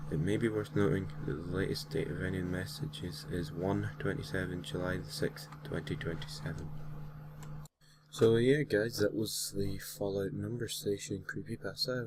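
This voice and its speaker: A deep-voiced man, host of a creepypasta channel, reads a creepy story aloud in amateur narration. His delivery is flat, and he stumbles over words now and then and corrects himself. Clear background noise runs through his home recording.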